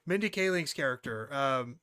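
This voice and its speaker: A man's voice: mid-range voice, lively intonation, moderate pace, bright, forceful tone, clear, resonant tone, no room sound. A man playing as a quiz contestant, chatting casually, thinking aloud and swearing freely.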